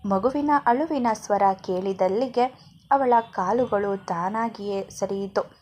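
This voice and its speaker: A woman narrating a serialized story in a calm, even reading voice. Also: medium pitch.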